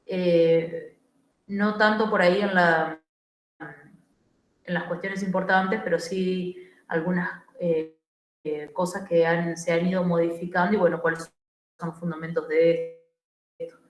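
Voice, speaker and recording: A woman with a Rioplatense Spanish accent lectures on pediatrics over a video call. Her delivery is slow and deliberate, dotted with "eh" fillers. The call audio is choppy and keeps breaking up, and the room around her is echoey. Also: lowish voice, level tone. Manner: unhurried, with frequent "eh" fillers. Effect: choppy, breaking-up online call audio. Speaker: pediatric doctor giving a class. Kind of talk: online lecture.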